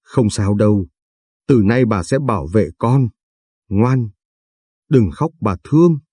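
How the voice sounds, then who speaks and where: A man voicing a fierce, sharp-tongued grandmother in an audio story, scolding and protective. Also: lowish voice, animated, slow, slightly rough, dry recording, clean studio sound, full character voice. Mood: tender. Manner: scolding, hissing.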